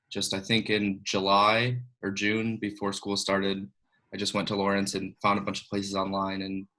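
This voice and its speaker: A young man in his twenties from Illinois, a law student giving relaxed, conversational interview answers. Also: lowish voice, poor audio. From Illinois, USA.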